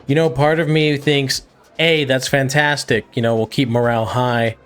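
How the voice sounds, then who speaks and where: A man narrates his own gameplay in a casual, wry way. He has a mid-pitched voice and thinks aloud as he goes, over faint music. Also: fairly even intonation, normal speed, a bit bright, clear, resonant tone. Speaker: gaming video host. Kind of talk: casual let's-play commentary.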